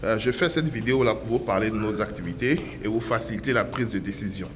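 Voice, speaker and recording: Man giving a casual sales pitch. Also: fast talker, background noise. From Côte d'Ivoire. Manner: informal and explanatory, peppers speech with "voilà" and hesitations. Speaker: trading school founder. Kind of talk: unscripted promotional pitch to camera.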